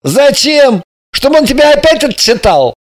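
Lady doing a cocky young guy, fairly high for a man, lots of swing in the voice, audiobook. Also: big pitch swings, normal speed. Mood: blunt. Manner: gruff, blunt, mocking. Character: brash sardonic young man. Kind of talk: audiobook character voice.

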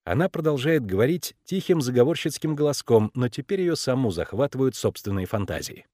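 A man narrating an audiobook in an expressive, animated reading. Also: medium pitch, a little fast, no echo, studio quality. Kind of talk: scripted narration.

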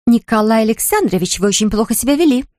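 A woman's voice: on the high side, animated, fast talker, a little mellow, dry recording, close to an everyday voice. A woman reading an audiobook, voicing a playful young woman who puts on a haughty, theatrical manner, in a dry studio.

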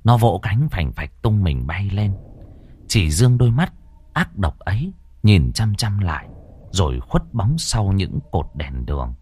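A man's voice: deep voice, sing-song, a little slow, warm tone, a little hiss or hum. A man narrating a horror story in a dramatic, suspenseful way.

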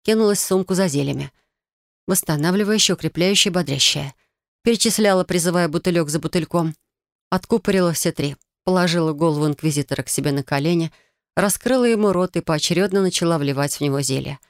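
A woman's voice: fairly low pitch, fast talker, no echo, clean studio sound. Woman reading a fantasy audiobook. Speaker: audiobook narrator.

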